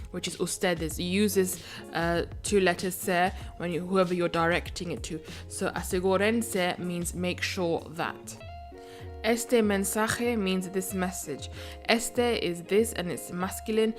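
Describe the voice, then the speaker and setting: A woman teaching a language video lesson. She explains phrases methodically and breaks them down step by step. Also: on the low side.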